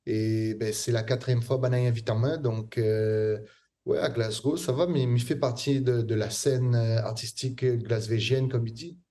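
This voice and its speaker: Mellow-voiced man. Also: mid-range voice, fairly even intonation, normal speed. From Réunion. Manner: hesitant, many fillers and restarts. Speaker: guest artist. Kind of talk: casual interview answers.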